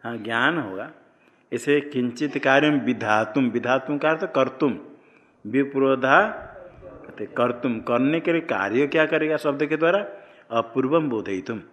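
A man's voice: medium pitch, normal speed, fairly bright tone. A man teaching Sanskrit grammar as a classroom lecture, explaining step by step and asking questions that he then answers himself. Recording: long reverb of a lecture hall.

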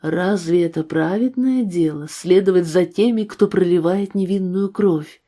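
A woman reading the part of a calm, patient young man who speaks gently but firmly. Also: on the low side. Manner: calm, measured.

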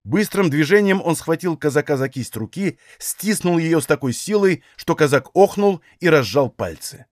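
A man narrating a novel in an expressive, dramatic reading style, recorded close to the mic. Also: a little high, moderate pace, dry recording. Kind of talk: audiobook narration.

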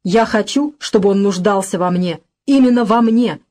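A woman's voice: medium pitch, moderate pace, a little mellow, lightly acted. A woman reading the part of a tense, bitter young man who speaks in a strained, raised voice.

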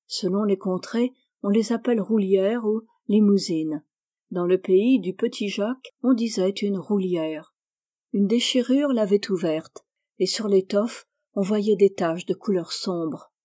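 A woman narrating a scripted storybook tale in a measured, gentle manner. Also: mid-range voice.

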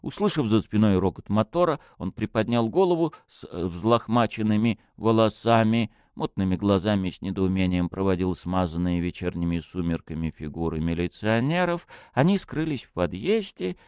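A man narrating an audiobook in an expressive storytelling manner, close to the mic. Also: lowish voice, smooth, dry recording.

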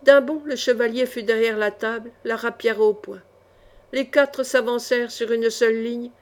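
A woman reading a swashbuckling adventure novel aloud as an audiobook narrator, in a measured, expressive way. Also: on the high side. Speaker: audiobook reader.

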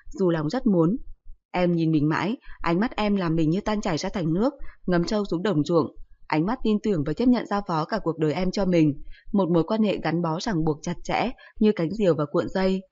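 A woman reading a story aloud, with gentle, nostalgic narration. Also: lowish voice. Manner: gentle, nostalgic narration, voicing all the children. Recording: slightly dull lo-fi audio.

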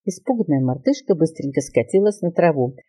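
An older woman reads a children's tale at home with an expressive, storytelling touch. Her pitch rises and falls with animation, and the voice sits close and dry. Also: fairly quick, no room sound. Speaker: grandmother reading to her grandson.

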